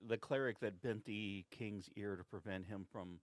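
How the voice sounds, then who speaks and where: Improvising in character at a tabletop game, a man plays an ancient, sleepy druid, hesitantly recollecting and rambling as he thinks aloud. His fairly low voice moves at a normal speed with light acting, and there's no room sound.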